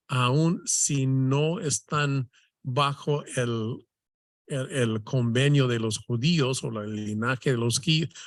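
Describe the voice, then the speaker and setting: A man leading a Bible study, teaching slowly with many restarts and questioning tags. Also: mid-range voice, no echo, clean studio sound. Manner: slow, halting, many restarts and "¿verdad?" tags.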